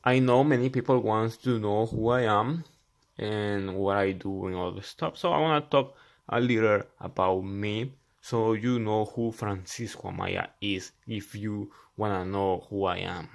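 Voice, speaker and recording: A Salvadoran mechanic in his thirties sits indoors at a laptop, talking earnestly and casually to his YouTube channel's viewers in simple phrases, often restarting. He has a Salvadoran Spanish accent and a lowish voice with vocal fry, a fairly even intonation, and a measured pace.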